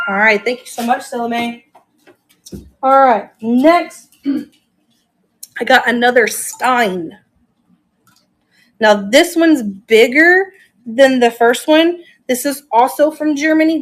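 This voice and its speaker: Chatty higher-pitched woman auction host. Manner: chatty, enthusiastic, thinks aloud while showing items. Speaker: live-stream reseller auctioning finds. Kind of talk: casual live-stream selling chat.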